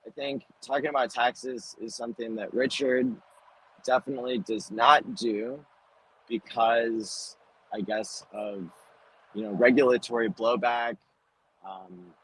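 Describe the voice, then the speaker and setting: A man chatting casually over livestream headset audio from earbuds while driving on a highway. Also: steady tone, measured pace, a bit bright, slight background noise, rough recording. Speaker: therapist, call participant. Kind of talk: casual chat. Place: in a moving vehicle on a windy highway. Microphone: earbud headset mic, livestream audio.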